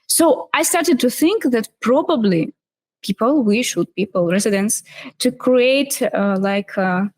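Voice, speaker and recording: A woman's voice: a little high, a little slow. A woman from Russia with a Russian accent, hosting an interview and asking long, hesitant questions. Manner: hesitant, many fillers, laughs often. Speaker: podcast host.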